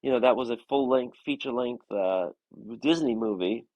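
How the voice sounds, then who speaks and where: A man's voice: medium pitch, normal speed, no echo, muffled recording. A man co-hosting a comics chat show and talking casually, rambling with lots of filler words. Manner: rambling, many "you know" fillers. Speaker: comics podcast co-host and art teacher. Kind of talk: casual conversation.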